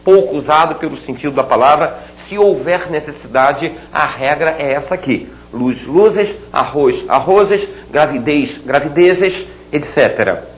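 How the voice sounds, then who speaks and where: A man teaching grammar to students, spelling out example words slowly and checking in with rhetorical questions. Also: fairly high pitch, low-quality recording. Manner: playful asides to students. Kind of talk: recorded grammar lesson at a board.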